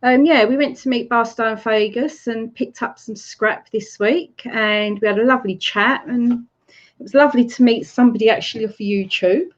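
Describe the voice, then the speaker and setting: A woman's voice: on the high side, moderate pace. Chatty Essex woman on a livestream. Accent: Essex English. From Essex, England. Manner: chatty, greets viewers by name, laughs often. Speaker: livestream host. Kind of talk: casual livestream chat. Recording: slightly muffled lo-fi stream audio.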